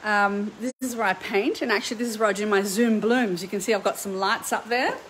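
A middle-aged Australian woman teaches art on a live stream. She talks in an upbeat, chatty way, and her voice sits at a middle pitch. A faint hum of noise is heard behind her. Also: steady tone, brisk, fairly bright tone, low-quality recording. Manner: upbeat, chatty, greets viewers by name. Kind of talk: live stream chat to viewers. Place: home painting studio.

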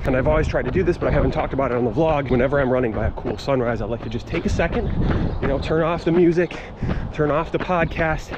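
An American man in his thirties chatting casually to camera while running, speaking in short phrases. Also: on the high side. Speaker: running vlogger. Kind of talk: casual vlog chat to camera. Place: outdoors on residential and downtown streets. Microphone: action camera held at arm's length. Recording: clear outdoor street and traffic noise.

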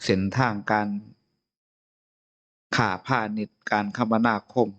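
Speaking slowly on a lo-fi recording, a man with an Isan Lao accent delivers a casual Buddhist sermon as abbot, chatting and chuckling frequently.

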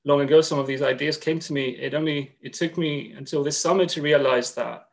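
A man in his thirties from Greece, a poet speaking with slightly nervous earnestness and reading his poems in a measured way on a video call from a room at home. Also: fairly high pitch, fairly even intonation, creaky. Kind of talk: poetry reading at an online launch.

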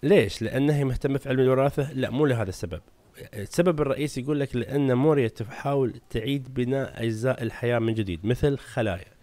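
A man's voice: medium pitch, very fast, warm tone, dry recording. A man explains game lore at a breakneck clip, chatty and always checking in with his viewers. His voice is recorded dry and close, with no room sound around it. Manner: chatty, asks the audience "right?". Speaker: gaming channel host.

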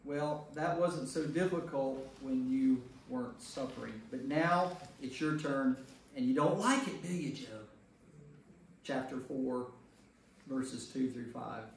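A man with a creaky, mid-range voice leads an informal Bible study as a pastor, speaking slowly and conversationally to a small group. He repeats phrases for emphasis, asks listeners questions, and checks in with them. A distant room mic captures him in an echoey room, with noise.

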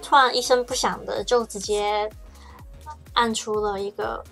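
A woman's voice: medium pitch, steady tone, unhurried, vocal fry, fairly bright tone, soft background music. A young woman in her twenties with a Taiwanese Mandarin accent, chatting casually on a livestream from home in a rambling way, often stammering and restarting her sentences.

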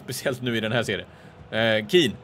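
A man from Sweden hosting a gaming channel, giving casual play-by-play commentary that swings from calm remarks to excited shouts. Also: lowish voice, a little hiss or hum.

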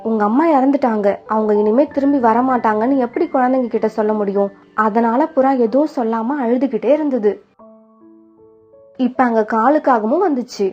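A woman narrating a children's cartoon story in a steady, sorrowful way. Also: on the high side, normal speed. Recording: dull lo-fi with faint music.

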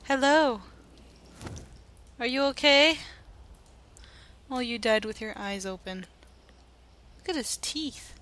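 Let's-play host: young woman, higher bright voice, unhurried, sarcastic narrator of her own character. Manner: chatty, sarcastic, self-narrating in third person. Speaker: gameplay narrator. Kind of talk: playful let's-play commentary.

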